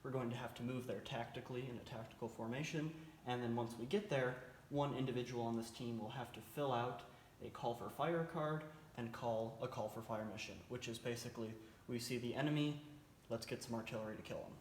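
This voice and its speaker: A man's voice: medium pitch, fairly even intonation, a little fast. A man with a mid-range voice explains a military drill informally. He is plain-spoken and slightly hesitant, going step by step. The sound is roomy, with light noise behind him. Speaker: military cadet team instructor. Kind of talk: informal instructional briefing. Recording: roomy echo, faint background noise.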